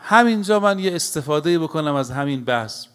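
Man, preacher, sermon, slightly raised pitch, storytelling, emphatic, speaks to the audience. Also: expressive, fairly bright tone, smooth. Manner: storytelling with recited Arabic scripture; emphatic, addresses the audience directly.

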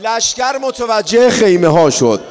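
A man giving a mourning sermon, chanting the story and rising into wailing shouts. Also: high voice, very animated, slight background noise. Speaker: mourning preacher. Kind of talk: lamenting religious sermon. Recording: reverberant hall.

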